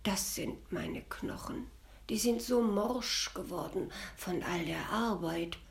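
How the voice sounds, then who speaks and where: A woman's voice: medium pitch, animated, slow pace, roomy sound. Woman voicing a sly, sugary young queen. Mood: complaining.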